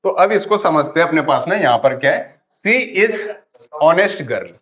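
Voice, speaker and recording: A man's voice: fairly high pitch, animated, a little slow, a bit bright. A man teaching English grammar in an online class, asking questions and answering them himself over and over. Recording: dull lo-fi audio.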